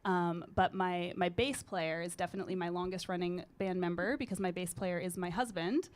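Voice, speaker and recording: The British Columbia singer-songwriter, a woman in her thirties, speaks a little fast in a casual radio-studio interview. Her voice is low and a bit gritty, and she is relaxed and rambling, using frequent fillers, with the sound captured on a studio microphone.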